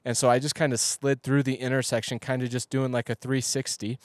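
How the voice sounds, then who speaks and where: A man who is a pastor, speaking in a relaxed, conversational way in a casual podcast chat. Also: medium pitch, brisk, no echo. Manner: relaxed, conversational, asks follow-up questions.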